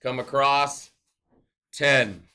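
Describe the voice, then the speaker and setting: A man's voice: medium pitch, very slow, sharp tone, smooth. A male teacher giving a recorded math lesson, explaining step by step and asking and answering his own questions.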